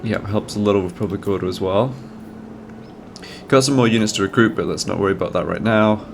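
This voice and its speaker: Brisk and creaky, a lowish male voice talks casually over background noise while playing a strategy game. He's a gaming channel host with a cold, a bit nasal, thinking aloud and explaining each move.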